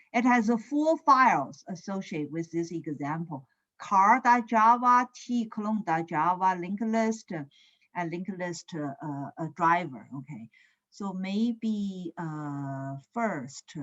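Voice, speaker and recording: Slow-talking woman lecturing in a screen recording. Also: mid-range voice, a bit bright, lo-fi sound. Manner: slow, with frequent "is it?" checks and "uh" fillers. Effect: screen-recorded online lecture audio. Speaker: computer science lecturer. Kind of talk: online class lecture. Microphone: computer mic on a video call.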